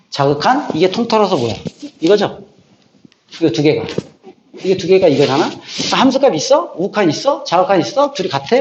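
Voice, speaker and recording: Animated, blunt male math teacher. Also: a little high, slight background noise. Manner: blunt, rants and quizzes students with repeated "어?". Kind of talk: classroom lecture. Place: classroom. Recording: echoey classroom, dull lo-fi sound.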